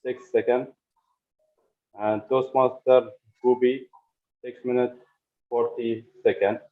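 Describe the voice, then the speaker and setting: A man's voice: mid-range voice, flat delivery, slow. A man giving a formal timing report at a meeting, reading it out item by item like a list. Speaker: meeting timer. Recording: thin, phone-like sound.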